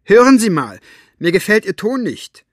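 A man voicing Elinor, a gruff, sharp-tongued older woman who scolds and snaps, in an audiobook reading. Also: a little high, a little fast, dry recording, clean studio sound, pitched above the performer's own voice, natural voice. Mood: indignant. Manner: brusque, scolding.

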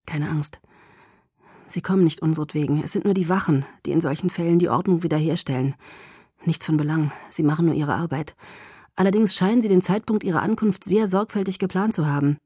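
A woman voicing a young male vampire from an audiobook, calm and protective but tense underneath. He speaks low and hushed, as if through gritted teeth. The recording is close and dry. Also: a little fast, husky, no room sound. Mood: tense, reassuring. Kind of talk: audiobook character voice.

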